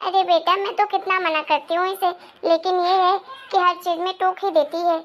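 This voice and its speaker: A woman's voice: extremely high pitch, little pitch movement, moderate pace, muffled recording, background noise. A woman voicing a doting, indulgent older mother and mother-in-law who soothes her daughter, in a Hindi moral story cartoon.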